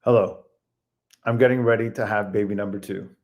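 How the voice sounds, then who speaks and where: A man's voice: on the low side, steady tone, brisk, a little mellow. Easygoing man reading out questions. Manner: easygoing, reads questions aloud. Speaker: co-host reading viewer questions. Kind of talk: casual live Q&A.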